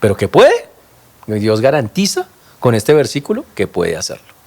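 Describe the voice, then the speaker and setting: Animated male pastor preaching. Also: medium pitch, normal speed. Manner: animated, emphatic preaching with sound-effect interjections; addresses congregation directly with questions. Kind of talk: sermon.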